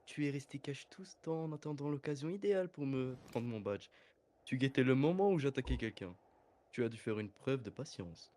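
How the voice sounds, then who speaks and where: A man's voice: medium pitch, dark tone, natural voice. A man voicing an anime dub of a composed, menacing villain, speaking formally and theatrically. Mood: calm, admiring. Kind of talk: French anime dub parody, scripted villain monologue.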